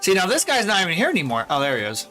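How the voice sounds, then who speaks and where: A man's voice: high-pitched, huge pitch swings, very fast, pushed and bright. A man streaming a game, commenting casually to himself, swearing and puzzled at what happens. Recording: faint game music behind.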